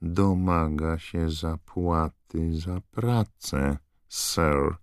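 A man voicing a timid, servile female house-elf in an audiobook, with a high, trembling squeak and constant deference. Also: very slow, clear, resonant tone, no room sound, clean studio sound, full character voice. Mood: fretful, disapproving. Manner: servile, calls everyone sir. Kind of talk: audiobook character voice.

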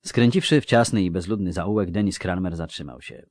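A man narrating a storybook in a steady, even way. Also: deep voice, a little fast, no room sound, studio quality. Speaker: audiobook narrator. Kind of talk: scripted narration.

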